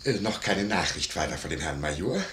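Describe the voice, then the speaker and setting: An actor playing a nosy, wheedling innkeeper in a 1950s radio play, gossiping in a lively way. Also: male voice, extremely low pitch, a little fast, heavily acted. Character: nosy, fawning male innkeeper, middle-aged. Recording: echoey 1950s radio studio.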